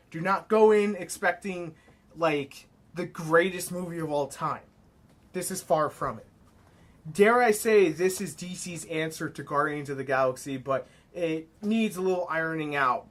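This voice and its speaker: A young man from New York giving a casual, excitable film review, blunt and swearing freely. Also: fairly high pitch. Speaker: movie reviewer.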